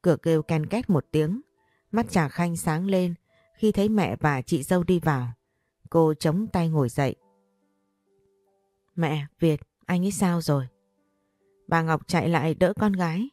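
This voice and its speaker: A woman narrating a story in a steady reading voice. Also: lowish voice, normal speed, no room sound. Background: faint music.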